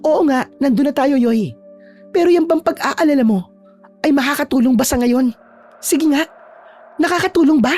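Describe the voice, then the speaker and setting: A woman voicing a feisty young woman who is a loyal friend, talking in a brisk, scolding but reassuring way. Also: high voice, darkish tone, soft background music, natural voice. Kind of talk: storytelling with acted dialogue.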